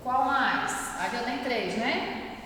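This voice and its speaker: Lady teacher, high voice, super echoey classroom w/ long reverb. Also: slow pace, bright, forceful tone, a little hiss or hum. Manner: patient, asks the class many questions. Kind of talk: classroom lesson.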